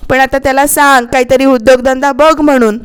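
A woman voicing an angry, sharp-tongued young sister-in-law who scolds harshly. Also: high-pitched, fairly even intonation, fairly quick, clear, resonant tone, natural voice. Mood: angry scolding. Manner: scornful, harsh rebukes.

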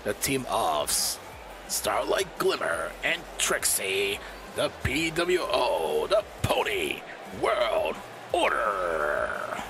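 In a noisy setting, a man with a lowish voice talks extremely slowly, his pitch rising and falling dramatically. He's streaming a wrestling game, joking with chat and announcing matches as he loses his voice. The mood is giggly and chatty, a playful take on ring announcing.

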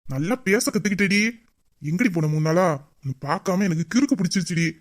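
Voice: medium pitch, lively intonation, quick pace, natural voice. A performer voicing a lovesick young man who grumbles in mock anger at his sweetheart in a romantic audio drama. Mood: sulky. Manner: grumbling, mock-angry, then tender.

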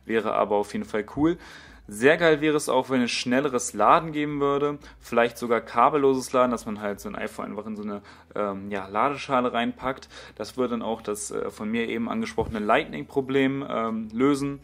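A man's voice: mid-range voice, moderate pace, a bit bright. A young man doing a casual tech voice-over, hesitant and full of fillers and restarts. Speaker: tech YouTuber.

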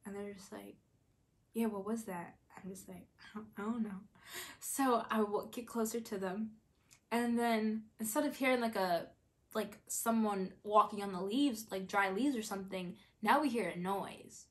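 A young woman in her twenties telling a story in a casual, animated way, acting out her own quotes with lots of filler words. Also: mid-range voice, moderate pace. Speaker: vlogger.

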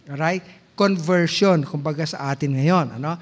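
In a church sanctuary, a Filipino pastor with a fairly high male voice preaches in a mix of Tagalog and English. Teacherly and slow, he questions the congregation, checks in with "okay?", and draws out the verses he quotes.

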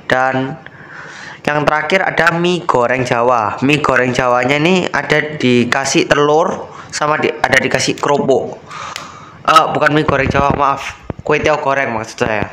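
A man's voice: mid-range voice, moderate pace, bright, forceful tone, slight background noise, low-quality recording. A young man, chatting casually through a food review at an outdoor cafe at night and saying "guys" again and again. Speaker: food vlogger.

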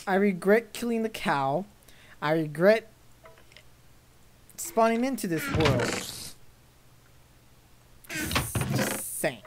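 A woman's voice: mid-range voice, lively intonation, takes it slowly, long pauses, darkish tone, a little hiss or hum. A young woman commentating her gameplay casually, easily frightened and exclaiming in panic.

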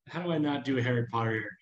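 A man narrating a tabletop game casually as game master, often halting to find his words. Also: mid-range voice, echoey room, dull audio. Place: indoors at home, on a video call.

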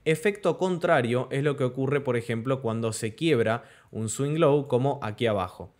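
Teaching crypto chart trading via screen share, a young instructor speaks in a mid-range, somewhat mellow voice. He explains, slows to emphasize key terms, and often asks "¿ok?" or "¿de acuerdo?". The webcam sits in a corner of the screen recording.

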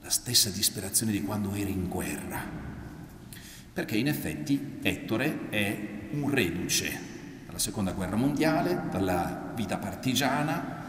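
A priest giving a reflective literary lecture, explaining slowly with pauses and fillers. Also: male voice, lowish voice, big pitch swings, a bit bright, slight background noise. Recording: roomy hall from far off.

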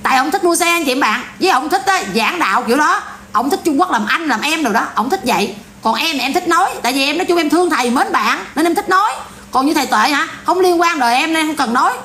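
A woman's voice: high-pitched, fast, a little hiss or hum. A woman with a Southern Vietnamese accent ranting bluntly and casually to her viewers in a vlog. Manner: blunt, animated, repetitive ranting. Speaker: vlogger.

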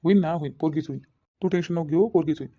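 Give me an actor voicing a reassuring cartoon father with a Vidarbha accent, warm and very fast. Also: medium pitch, close to an everyday voice. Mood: soothing. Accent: Vidarbha Marathi. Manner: reassuring, repetitive. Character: kindly father figure, soothing and protective. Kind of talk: cartoon voice acting.

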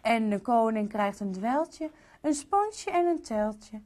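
A woman reads a rhyming children's picture book aloud in a sing-song cadence. Her voice is high and very lively in pitch, and she takes her time with each line. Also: slow pace. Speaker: storyteller.

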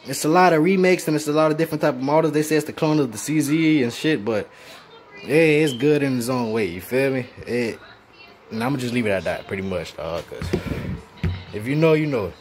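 A man's voice: mid-range voice, lively intonation, fairly quick. A man giving a casual, slangy gun review on his channel, talking straight to viewers with a mouth guard in. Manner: slangy, laid-back, addresses viewers directly.

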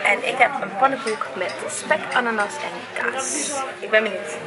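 A young woman chatting casually in a family vlog, quick to laugh and talking warmly with her family. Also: a little high, crowd noise. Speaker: vlogger. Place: holiday cottage and park.

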